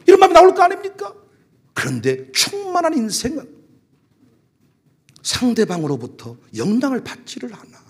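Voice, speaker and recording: A man preaching a sermon as pastor, with a Jeolla dialect, moving between loud emphatic calls and soft asides. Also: very high-pitched, huge pitch swings, normal speed, pauses often, breathy edge.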